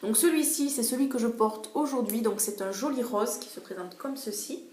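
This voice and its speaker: Young woman, beauty vlogger, a bit high-pitched, rambling and hesitant with lots of fillers. Roomy home recording with faint background noise. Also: normal speed, darkish tone. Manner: chatty, hesitant, repeats words and fillers. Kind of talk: casual product review. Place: room in a home. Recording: echoey room, faint noise.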